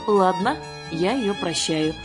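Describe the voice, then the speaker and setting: A woman's voice: lowish voice, slow, over music. A woman doing a blustering, bossy father. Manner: blustering, commanding, shouting orders. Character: stern angry father, middle-aged man.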